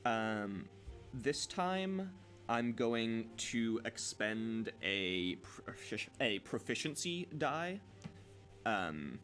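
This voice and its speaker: A man's voice: mid-range voice, very animated, drawn-out words, fairly bright tone, soft background music. A man playing a character in a tabletop game, talking casually and hesitantly with fillers and restarts. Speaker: player.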